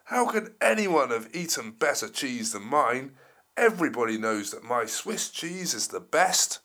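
A man voicing an angry, boastful male dinosaur in a children's story, roaring and shouting threats in a raised, higher voice. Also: very animated, measured pace. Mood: furious roar.

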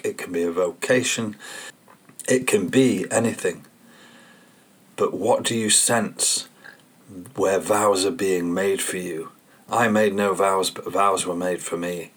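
A man with a lowish voice reads poetry at an unhurried pace. He talks in a measured, contemplative way and pauses to reflect between the verses. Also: husky. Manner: slow, measured, contemplative reading. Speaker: poet and podcast host.

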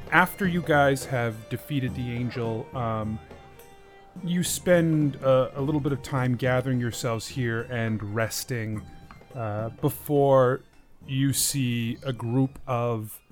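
Brief: man as game master and host, mid-pitched, storyteller delivery for a tabletop adventure podcast.

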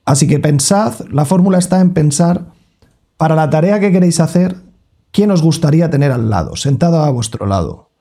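A man, a guest educator explaining step by step on a podcast, lively with many "eh" fillers. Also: fairly high pitch, a little fast.

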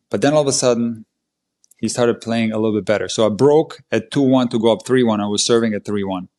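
A man, a tennis coach and podcast guest, tells a match story in an animated, emphatic way. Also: fairly low pitch. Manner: animated, emphatic play-by-play retelling. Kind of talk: conversational storytelling.

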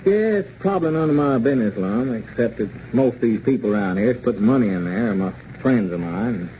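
An actor playing a skeptical, plain-spoken storekeeper, dry and matter-of-fact, in an old radio serial. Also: male voice, on the low side, lively intonation, fast, warm tone, natural voice. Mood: doubtful. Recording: dull, noisy old radio recording.

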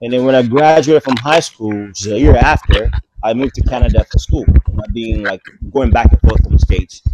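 A young man from Tanzania, a guest in a casual chat, joking and excitable, laughing often. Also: medium pitch, fairly quick, dull audio, heavy background noise.

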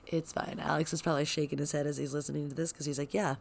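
A young woman hosting her own podcast at home, chatting in an excitable, rambling way with lots of asides. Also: deep voice, vocal fry. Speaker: podcast host. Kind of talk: casual solo podcast chat. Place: home, child playing upstairs. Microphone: sensitive podcast microphone.

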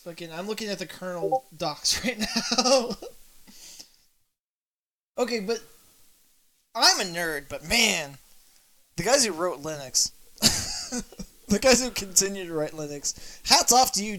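Bright-voiced nerdy man rambling. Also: high-pitched, expressive, slow, pauses often. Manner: rambling, nerdy, swears casually. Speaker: podcast co-host. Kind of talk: casual chat.

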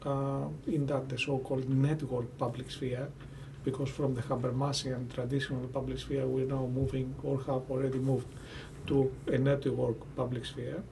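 A man from Greece with a Greek accent, answering as an academic in an interview, deliberate and often searching for words. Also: medium pitch, little pitch movement, gravelly, mellow. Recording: distant mic with faint background noise.

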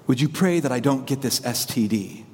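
A man's voice: mid-range voice, expressive, normal speed, a little mellow, in a large hall, a little hiss or hum, voice pushed down, close to an everyday voice. A man voicing a laid-back young guy who talks like a surfer dude in a drawling valley voice. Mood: scared. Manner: drawling, filler-heavy.

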